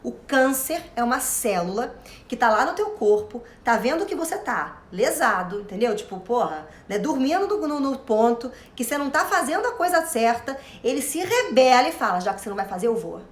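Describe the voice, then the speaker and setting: A woman's voice: sits high, expressive, moderate pace, reverberant. A woman with a Brazilian Portuguese accent giving an informal self-help lecture, chatty and theatrical, calling her listeners love and dear.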